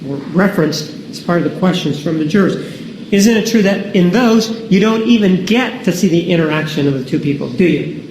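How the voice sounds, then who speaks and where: A man with a high voice cross-examines a witness, pressing and insisting on yes or no. The courtroom recording rings with room echo. A faint hiss sits underneath. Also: expressive, fairly quick, a little mellow. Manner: pressing, demands yes-or-no answers. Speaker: prosecutor. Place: large echoey courtroom.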